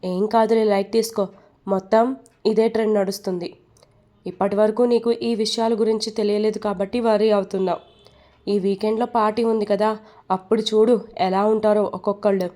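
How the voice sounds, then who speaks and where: A woman's voice: mid-range voice, flat delivery, brisk, dark tone, lightly acted. A woman voicing a young man who casually reassures his office friend. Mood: reassuring.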